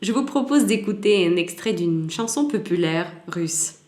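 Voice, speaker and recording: A woman teaching a language lesson, slowly repeating each example word so it can be copied. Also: lowish voice, animated, darkish tone. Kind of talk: slow spoken language lesson. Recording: roomy echoey room.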